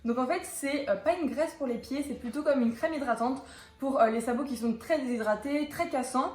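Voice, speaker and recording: A young woman who runs an equestrian vlog chats fairly quickly in a high-pitched, slightly mellow voice during a casual product review. Fillers and restarts crop up throughout, and the room sounds spacious.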